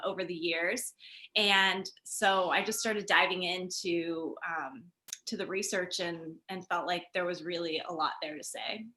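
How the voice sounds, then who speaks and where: Bright-voiced woman guest explaining history. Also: mid-range voice. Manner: animated, explanatory, with frequent fillers. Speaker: author and guest. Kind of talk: conversational interview.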